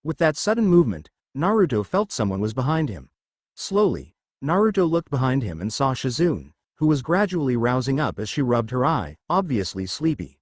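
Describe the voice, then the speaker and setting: Male storyteller with lively pitch. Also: moderate pace, no room sound, clean studio sound. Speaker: narrator. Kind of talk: scripted fan-fiction narration.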